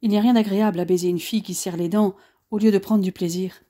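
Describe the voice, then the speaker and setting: A woman voicing a gruff male SS officer who barks blunt, crude orders. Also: medium pitch, fairly even intonation, fast, dark tone, lightly acted. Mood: commanding.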